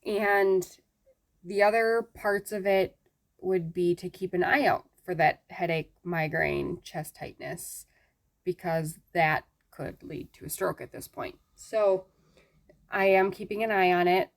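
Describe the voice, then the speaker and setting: A woman talking casually to viewers in a health update, weakened after surgery, halting and searching for words with long pauses. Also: on the low side, steady tone. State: weakened after surgery, struggling to form sentences. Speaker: vlogger giving a health update.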